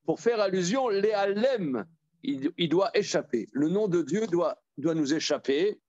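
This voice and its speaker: A man, a rabbi, teaching a Torah study class. He reads verses aloud, then explains them in a halting way with many repeated words. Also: sits high, expressive, darkish tone, dry recording, dull audio. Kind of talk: Talmud study lesson.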